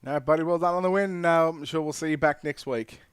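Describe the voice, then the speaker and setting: A man's voice: fairly high pitch, fairly quick, smooth, no room sound, clean studio sound. Upbeat Australian man hosting races. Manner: upbeat announcer, punchy sign-off phrasing. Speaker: race broadcast host. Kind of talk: sim racing commentary and interview.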